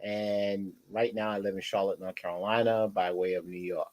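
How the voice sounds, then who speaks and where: A man's voice: lowish voice, flat delivery, moderate pace, darkish tone, no room sound. A man from Ghana being interviewed, laid-back and chuckling. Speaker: guest. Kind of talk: casual interview.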